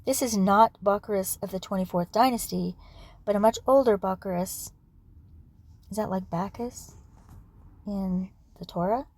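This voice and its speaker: A woman losing her voice, reading history aloud at a casual pace, with asides and throat clearing. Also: medium pitch, measured pace, long pauses, a little mellow, dry recording. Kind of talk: casual read-aloud for sleep.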